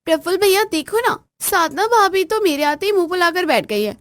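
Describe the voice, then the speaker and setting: A woman voicing a spoiled, bossy married daughter who nags and gives orders in a shrill, demanding way. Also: animated, fairly quick, a bit bright, dry recording. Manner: shrill, nagging, commanding. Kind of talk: acted family story narration.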